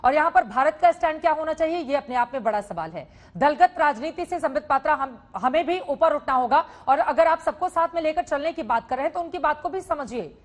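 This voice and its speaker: A woman's voice: sits high, animated, fairly quick, hardly any pauses. A woman anchoring a televised news debate, firmly cutting in to restore order. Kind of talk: moderating a heated TV debate.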